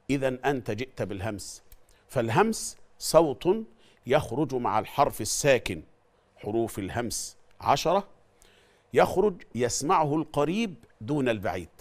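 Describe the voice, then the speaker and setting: A middle-aged man with an Egyptian Arabic accent, teaching Quran recitation, explaining in an animated way and repeating phrases to drill how they are said. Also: medium pitch. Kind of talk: Quran recitation lesson with chanted verses.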